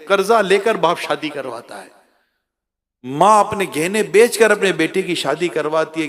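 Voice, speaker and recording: A preacher with a voice on the high side delivers an emotional sermon, telling a story that swings dramatically between loud cries and hushed lament. He repeats words for emphasis.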